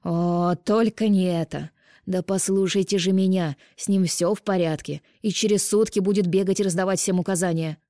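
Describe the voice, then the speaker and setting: A firm, grumbling male healer explains and insists in a low, mellow voice, as a woman narrator puts him on. The recording is dry and close, with an audiobook feel. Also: steady tone, normal speed, no echo, natural voice. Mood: insistent.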